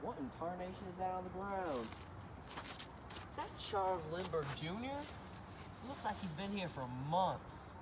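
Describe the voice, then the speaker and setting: A man's voice: high voice, expressive, a little slow, distant mic. A man playing a folksy rural trucker with a drawl and old-timey exclamations, recorded outdoors with wind and traffic. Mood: startled.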